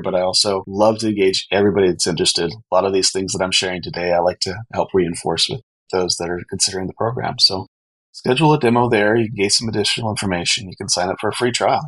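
Husky low-pitched man explaining as podcast guest. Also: a bit bright, rough recording. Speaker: podcast guest, company co-founder. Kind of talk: conversational expert explanation.

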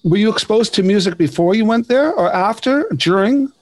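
Eager male interviewer, somewhat high voice, stumbling restarts. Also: lively intonation. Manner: eager, halting, many restarts. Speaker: podcast host. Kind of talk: casual interview chat.

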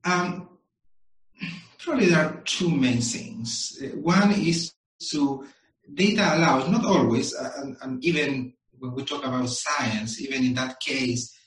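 A man from Chile, answering interview questions in a measured way and pausing often with ums and uhs. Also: medium pitch, a bit bright, recorded from a distance. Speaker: guest. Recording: echoey room, voice a bit off-mic.

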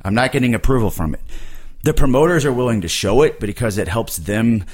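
A man's voice: mid-range voice, lively intonation, fairly quick, a little mellow. A man who wrestles, hosting a podcast and chatting loosely about his ideas, swearing freely and laughing easily. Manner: laid-back, swears a lot, laughs easily. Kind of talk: casual podcast chat.

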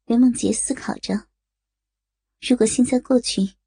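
A woman narrating a story in a slow, measured reading voice. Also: on the high side, steady tone, vocal fry, dark tone, breathy edge, no room sound.

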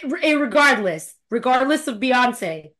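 A woman's voice: high-pitched, sing-song, slow, a bit bright. A woman co-hosting a casual podcast panel, laughing often, swearing and speaking with emphatic outrage. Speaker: podcast co-host.

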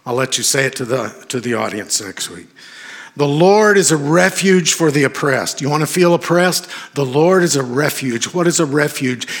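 A man's voice: fairly high pitch, a bit bright. Emphatic man preaching a sermon. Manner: emphatic preaching with sudden exclamations. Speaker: pastor.

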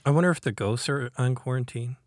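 A man's voice: mid-range voice, fast talker, dry recording, studio quality. A man co-hosting in casual chat, dropping in wry, joking remarks. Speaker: co-host.

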